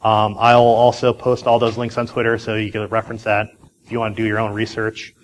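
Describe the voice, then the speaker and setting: A man's voice: fairly low pitch, monotone, a little fast, poor audio. A man giving a casual conference talk, telling a story in a chatty way with many fillers and restarts. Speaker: conference speaker.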